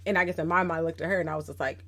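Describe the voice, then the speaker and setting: A woman's voice: deep voice, rapid-fire. A woman in her thirties, a guest educator, telling stories on a casual podcast in a reflective way. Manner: reflective, animated when quoting others.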